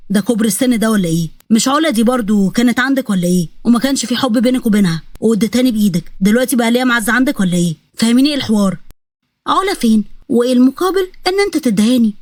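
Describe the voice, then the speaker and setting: A woman with an Egyptian accent voicing an older, worried royal mother, soft-spoken and anxious. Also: on the high side, dry recording. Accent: Egyptian Arabic.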